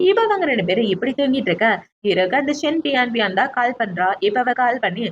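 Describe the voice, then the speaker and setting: A woman narrating a drama recap as a story, briskly retelling each scene and speaking the characters' lines herself. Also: on the high side, expressive, dull audio, a little hiss or hum.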